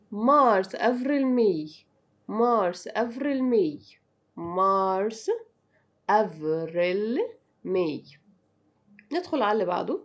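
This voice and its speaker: A woman teacher with an Egyptian Arabic accent, giving a language lesson and repeating each word slowly and clearly. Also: medium pitch, highs cut off. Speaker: French teacher. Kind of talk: slow drilling language lesson.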